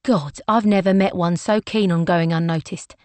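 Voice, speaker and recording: A woman narrator voicing a blunt, worldly woman thief who talks frankly but with hushed fondness. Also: lowish voice, steady tone, moderate pace, dry recording, natural voice.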